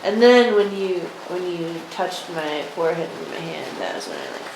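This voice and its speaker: A woman's voice: fairly low pitch, sing-song, moderate pace. A woman taking part in a workshop, reflecting casually on an experience in a hesitant, tentative way. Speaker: workshop participant. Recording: echoey room with clear noise.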